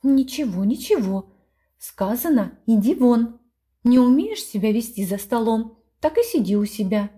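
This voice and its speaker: A woman voicing an impatient mother who scolds briskly. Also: on the high side, animated, mellow. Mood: scolding.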